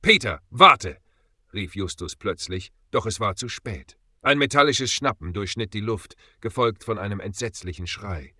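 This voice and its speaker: A man narrates a story in a steady, dramatic reading. His voice is low-pitched with a bright, forceful tone. The recording is dry and close-miked. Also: moderate pace, hardly any pauses, no room sound. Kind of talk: scripted audiobook narration.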